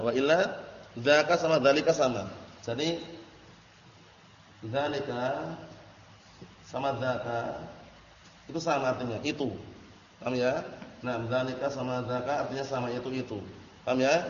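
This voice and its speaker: A man teaching an Arabic grammar lesson in a classroom, patiently checking that his students understand. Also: fairly high pitch. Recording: echoey lo-fi classroom recording.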